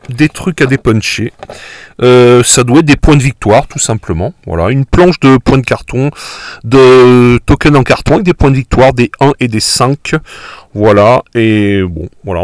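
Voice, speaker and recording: A man's voice: medium pitch, a little slow, dry recording. A man casually narrating a board game unboxing, hesitant and self-correcting, full of fillers and admiring remarks.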